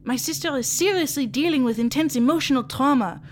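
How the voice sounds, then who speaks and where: A woman's voice: sits high, a little fast, slight background noise, lightly acted. A woman playing an indignant, scolding friend. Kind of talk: comedic audio drama acting.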